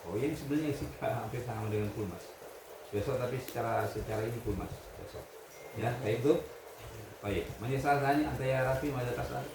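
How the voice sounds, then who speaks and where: A man leading a religious lesson for students, reading Arabic text, explaining it and quizzing his class in a lively way. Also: medium pitch, fairly quick. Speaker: pesantren leader teaching students. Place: hall at a pesantren. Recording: echoey room with background noise.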